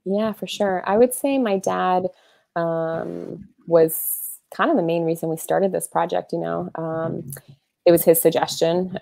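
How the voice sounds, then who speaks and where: This woman in her thirties, an author and illustrator guest on a video call, speaks in a low, creaky, slightly mellow voice. Her casual talk is chatty, with many fillers and restarts, and there's no echo.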